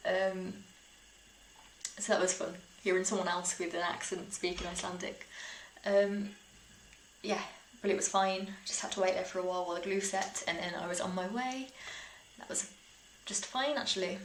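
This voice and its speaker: At normal speed and with fairly even intonation, a young British woman with a fairly low voice shares personal stories in casual vlogger fashion. She chats informally and laughs lightly as she talks. The space sounds roomy and echoey, with faint noise behind her.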